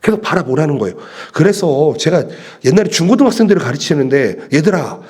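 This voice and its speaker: A middle-aged Korean man preaching a sermon in a church, animated, dropping to hushed asides. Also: on the high side, fast talker, husky. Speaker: pastor. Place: church sanctuary.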